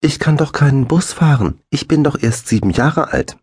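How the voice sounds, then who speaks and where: A man's voice: big pitch swings, normal speed, vocal fry, a little mellow, slightly rough, dry recording, heavily acted. A man doing a timid naive seven-year-old boy. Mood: eager. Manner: high, eager, stammering.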